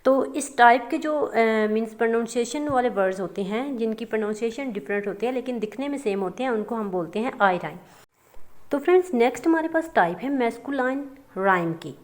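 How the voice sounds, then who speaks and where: A woman teacher giving a step-by-step lecture, reading definitions out slowly and writing on a board while she talks. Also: on the high side, animated. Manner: explains step by step, often checking in with "okay". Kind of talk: classroom lecture.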